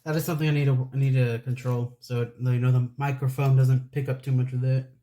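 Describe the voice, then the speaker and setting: Man, late twenties, casual building vlog, soft breathy close-mic voice, rambling, self-deprecating. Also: medium pitch, little pitch movement, brisk. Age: 20s. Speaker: Lego building vlogger. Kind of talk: casual chat while building.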